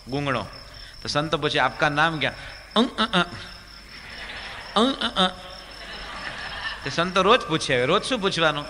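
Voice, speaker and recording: A man's voice: mid-range voice, bright, forceful tone, big-room sound, a little hiss or hum. A man, a monk, telling humorous stories to an audience in a chatty way and often asking them questions. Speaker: monk giving a talk. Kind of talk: humorous religious storytelling.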